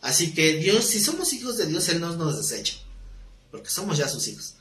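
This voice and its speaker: A man's voice: on the high side, big pitch swings, normal speed, fairly bright tone. A man preaching a live sermon, speaking conversationally with rhetorical questions and light jokes. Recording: roomy live-stream audio.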